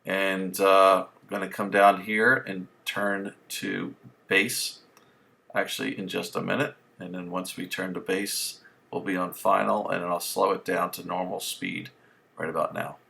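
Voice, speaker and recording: Low, gravelly man narrating a flight vlog. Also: little pitch movement, a little slow, bright, forceful tone. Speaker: student pilot, vlog host. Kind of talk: casual explanatory voice-over.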